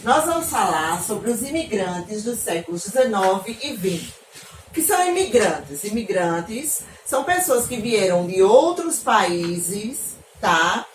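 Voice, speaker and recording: A woman's voice: mid-range voice, very animated, slow, a little hiss or hum. A woman from Northeast Brazil teaching an online geography class to children, affectionate and often checking in with questions. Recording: echoey room, mic at a distance.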